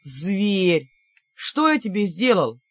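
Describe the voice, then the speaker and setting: Narrator doing a battered young demon guy, whiny and hotheaded, loud indignant outbursts, dry slightly dull audiobook sound. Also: medium pitch, sing-song, takes it slowly, dry recording, heavily acted. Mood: groaning, indignant.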